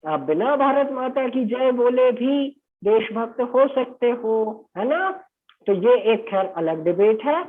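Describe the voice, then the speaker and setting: A male teacher giving an exam-prep lecture, explaining in Hindi mixed with English phrases, often checking understanding with short questions and slowing down to stress key English terms. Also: very high voice, lively intonation. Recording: tinny phone-like sound.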